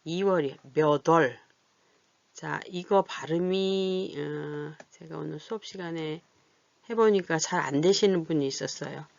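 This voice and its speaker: Low-voiced woman teaching a language lesson. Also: gravelly, a little mellow, dry recording. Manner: slow, drilled repetition of example phrases. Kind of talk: classroom lesson. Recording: dull, dry lo-fi.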